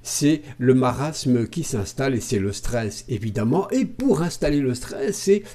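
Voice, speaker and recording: A man from France giving sarcastic, lively political commentary to camera, with frequent hesitant fillers. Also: mid-range voice, measured pace. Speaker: video commentator.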